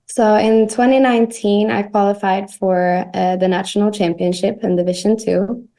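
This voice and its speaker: A young woman from Sweden, a native Swedish speaker, answers as an interview guest. She talks softly and hesitantly at a middle pitch, with many fillers. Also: fairly even intonation, normal speed. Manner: soft-spoken, hesitant with fillers. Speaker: guest athlete.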